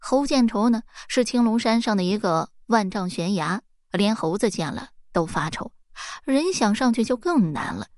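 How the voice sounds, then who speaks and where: A woman's voice: medium pitch, lively intonation, normal speed, darkish tone, no room sound, studio quality. A woman narrating a folk tale, acting out the characters' lines with small shifts in her voice. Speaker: storyteller.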